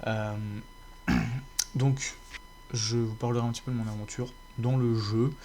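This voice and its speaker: A man's voice: mid-range voice, little pitch movement, measured pace, a little mellow, a little hiss or hum. A man casually chatting to his viewers about his game server, rambling with many fillers and restarts. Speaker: gaming YouTuber.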